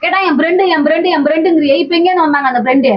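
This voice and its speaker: A woman's voice: high-pitched, rapid-fire. A woman vlogger in a heated confrontation, pleading and accusing, who keeps repeating the other person's name. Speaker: vlogger in a staged argument. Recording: dull lo-fi sound.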